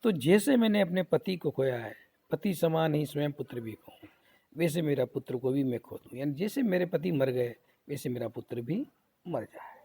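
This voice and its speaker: Male professor, slightly high, gravelly voice with a mellow tone; recites verse and then paraphrases it for students. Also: lively intonation, moderate pace. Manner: repetitive, explanatory, asks rhetorical questions. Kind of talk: lecture explaining a poem.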